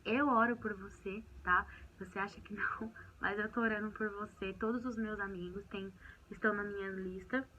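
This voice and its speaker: A woman's voice: mid-range voice, steady tone, normal speed, bright, forceful tone, lo-fi sound, a little hiss or hum. A woman in her twenties with a Brazilian Portuguese accent, telling her personal faith story in an earnest, heartfelt way and acting out what she said. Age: 20s. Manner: earnest and heartfelt, reenacting her own words. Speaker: vlogger sharing a faith testimony.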